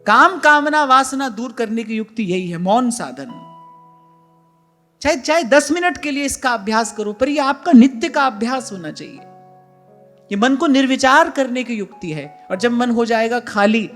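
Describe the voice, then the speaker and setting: A man's voice: very high voice, expressive, normal speed, a bit bright, faint music behind. A man, a spiritual teacher, giving a devotional discourse in an earnest way. He repeats key phrases for emphasis and speaks to his listeners as brothers. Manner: addresses listeners directly as "brother". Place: ashram hall.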